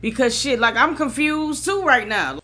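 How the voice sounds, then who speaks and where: A man's voice: extremely high pitch, expressive, normal speed, bright, forceful tone. A man giving casual, slangy reaction commentary on a clip he is watching. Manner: slangy, exclaiming.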